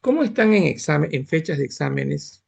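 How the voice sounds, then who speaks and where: A man lectures on medicine over a video call, taking students through the material point by point and checking that they follow. His voice is strongly gravelly and a bit husky, set slightly high for a man. The sound is dull and lo-fi. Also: very animated, brisk, a little mellow. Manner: explains step by step, asks students if they follow. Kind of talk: online class lecture.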